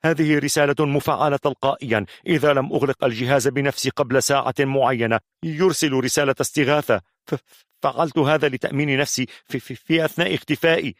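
A man's voice: medium pitch, fairly quick, dry recording, clean studio sound, natural voice. A man doing a stammering, nervous storyteller. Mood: nervous, secretive. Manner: heavy stammer, repeating first sounds. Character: nervous male occult storyteller who stammers badly. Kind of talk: audiobook character voice.

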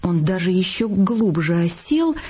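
A woman reading the narration of an audiobook in a steady voice. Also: fairly low pitch, measured pace, husky. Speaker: audiobook reader. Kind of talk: scripted narration. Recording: muffled audiobook recording, faint music.

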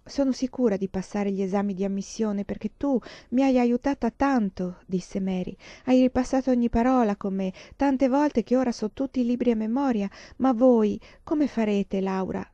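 A woman reading the lines of a gentle blind teenage girl about to leave home, softly and wistfully. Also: fairly high pitch, normal speed, hardly any pauses, no room sound, natural voice. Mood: eager. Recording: dull lo-fi dry recording.

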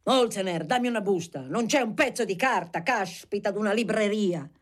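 A reader voicing an irritable, agitated male politician who bursts out in angry, exasperated shouts. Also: mid-range voice, moderate pace, voice pushed up, close to an everyday voice. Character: irritable, agitated communist deputy, grown man.

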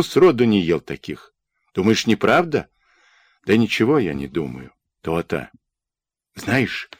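A man's voice: fairly low pitch, breathy edge, dry recording, heavily acted. A man voicing a jovial, boastful young soldier who talks in teasing, folksy banter.

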